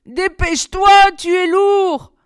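A woman reading aloud, voicing a feisty, impatient young girl who scolds and urges in a sharp, raised voice. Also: on the high side, a little slow, clean tone, close to an everyday voice. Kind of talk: storybook reading.

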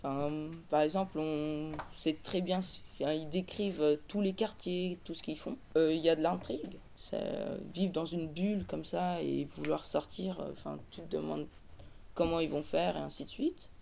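A man's voice: on the high side, steady tone, moderate pace, creaky, darkish tone. A man presenting a novel on a radio show, reading an excerpt aloud and then giving his opinion with many hesitations. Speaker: book columnist. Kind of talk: book review with read-aloud excerpt.

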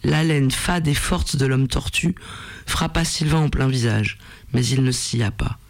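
A man hosting a radio program, reading a story aloud in a measured, deliberate way. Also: mid-range voice, gravelly, dry recording.

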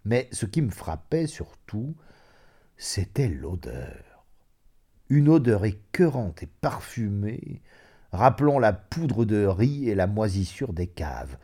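Expressive male storyteller reading aloud. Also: on the low side, takes it slowly, breathy edge. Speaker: narrator. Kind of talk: audiobook reading of a classic short story.

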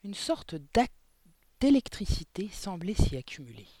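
A man reading a children's novel aloud as expressive audiobook narration. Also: high-pitched, measured pace, no room sound. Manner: expressive storytelling. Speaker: audiobook reader. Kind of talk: scripted narration.

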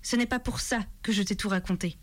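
A woman reads the part of a grown mother who scolds harshly, stern and afraid for her daughter. She speaks at a middle pitch, with a plain storybook reading voice. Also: fairly quick, natural voice. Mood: pleading.

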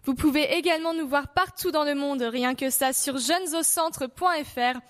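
Woman presenter, high voice, scripted announcements. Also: normal speed. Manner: clear, announcing tone. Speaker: radio presenter.

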